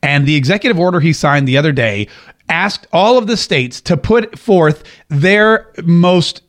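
A man's voice: on the high side, animated, measured pace. A man from Florida delivering a sarcastic, joking political commentary monologue. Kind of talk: casual opinion monologue.

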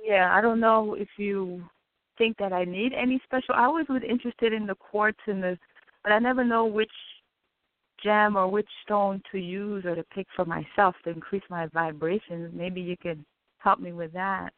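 A woman caller whose voice comes through muffled, as though from behind a wall. She speaks quietly and hesitantly, and her middling pitch sits dry and close on a thin, tinny phone line. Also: fairly even intonation, moderate pace, no room sound. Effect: muffled, as if heard through a wall. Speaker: caller to a radio advice show. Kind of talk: call-in chat. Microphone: telephone.

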